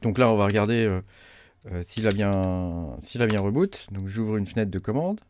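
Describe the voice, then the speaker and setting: A man talking through a software setup tutorial, hesitant with many fillers as he clicks along. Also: fairly low pitch, animated, normal speed, slight background noise. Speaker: crypto mining tutorial host. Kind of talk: casual screen-recorded tutorial.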